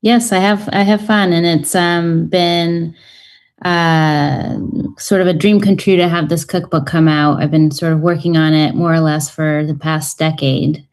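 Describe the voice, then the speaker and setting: A low-pitched American woman in her thirties, a cookbook author, appears as a guest on a radio talk show explaining her cooking. She speaks thoughtfully and haltingly with many ums and uhs, in a steady, darkish tone.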